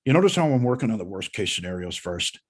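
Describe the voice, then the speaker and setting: A middle-aged man with a husky voice, coaching a student one-on-one on sales calls in a folksy, animated way. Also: lowish voice, fast. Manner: animated, folksy, uses analogies.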